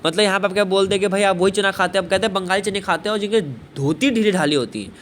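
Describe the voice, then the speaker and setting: A man's voice: sits high, very fast, fairly bright tone. A man teaching a poetry lesson, repeating himself, asking and answering his own questions, with frequent fillers of "thik hai" and "bhai". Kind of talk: explaining a Hindi poetry lesson. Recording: faint background noise.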